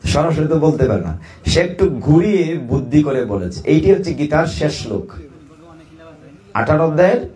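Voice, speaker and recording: A man's voice: fairly high pitch, sing-song, moderate pace, long pauses, a little mellow. A male preacher giving a devotional scripture discourse, telling stories and asking and answering his own questions.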